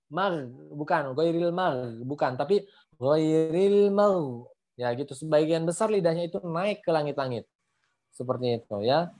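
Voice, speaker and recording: A man teaching Quran recitation in an online lesson over a video call, explaining casually and stretching out example slowly. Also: a little high, a little mellow. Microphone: computer or phone mic on a video call.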